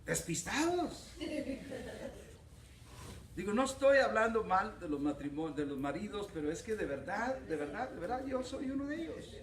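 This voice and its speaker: A man's voice: sits high, big pitch swings, moderate pace. A man with a Mexican accent preaching a humorous sermon as pastor, joking and acting out little dialogues. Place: church hall. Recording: echoey church hall from far off, crowd laughing. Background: congregation laughing.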